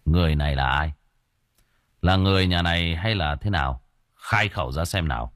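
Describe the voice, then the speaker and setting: A man's voice: sits low, fairly bright tone, no room sound, clean studio sound, pitched below the performer's own voice. A man as a stern young exorcist. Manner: slow, stern interrogation. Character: stern young male exorcist, cold and commanding.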